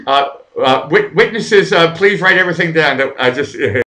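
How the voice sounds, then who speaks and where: A man's voice: on the high side, animated, moderate pace, bright, forceful tone. A middle-aged man hosting a live show with casual, joking chat, rambling and often stammering into his sentences.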